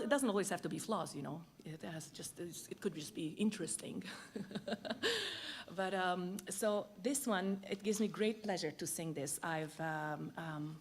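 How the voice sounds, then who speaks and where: A woman from Lebanon, a singer, speaking reflectively at a concert and pausing often with fillers before she sings. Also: on the low side. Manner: reflective, halting with many fillers. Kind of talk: spoken introduction at a concert.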